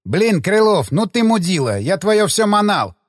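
A man voicing an excitable, joking male soldier who talks loudly. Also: high-pitched, moderate pace, no room sound, studio quality, pitched above the performer's own voice. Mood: excited. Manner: excitable, loud.

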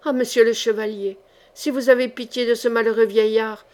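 A woman's voice: on the high side, flat delivery, moderate pace, darkish tone, natural voice. A woman reading the part of a frightened bohemian male painter who stammers and pleads breathlessly. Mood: pleading.

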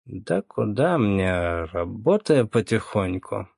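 A man's voice: fairly low pitch, very animated, slow pace, creaky, darkish tone, husky, no room sound, studio quality, exaggerated voice. A man voicing a tipsy, cocky young male police officer with easy, slightly slurred speech. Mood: relaxed.

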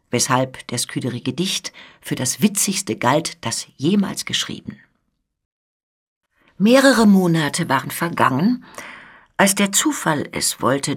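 Low, husky woman reading a classic tale. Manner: measured, expressive storytelling. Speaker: reader. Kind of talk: literary radio reading.

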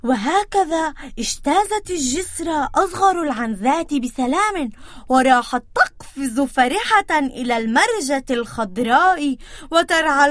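A woman reading a children's story aloud, expressive and playful with sound effects. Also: sits high, no echo, clean studio sound.

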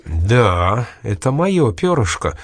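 A man reading aloud and voicing a sly, stubborn young woman, raising his pitch in a coaxing, teasing manner. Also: very animated, slow, slightly rough, no echo, full character voice.

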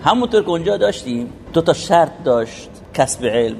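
A man's voice: a little high, sing-song, vocal fry, darkish tone, slight background noise. Male religious teacher, rhetorical and earnest. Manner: rhetorical questions, recites Arabic quotes. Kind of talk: sermon-like lesson explaining a poem.

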